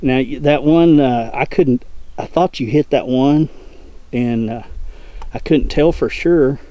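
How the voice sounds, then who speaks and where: A man's voice: mid-range voice, unhurried, dry recording, highs cut off. A man talking casually and giving commentary as he guides a hunt outdoors. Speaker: hunting guide and video host. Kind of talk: casual chat and commentary while hunting. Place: outdoors in open brushy country. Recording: outdoor recording with clear background noise.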